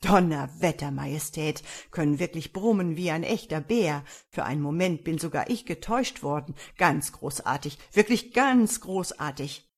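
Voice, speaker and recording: A woman voicing a vain old duke who hushes his daughter and showers flattery on the king, in a storybook reading. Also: deep voice, moderate pace, hardly any pauses, slightly rough, exaggerated voice. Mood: flattering. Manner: fawning, hushing, eager.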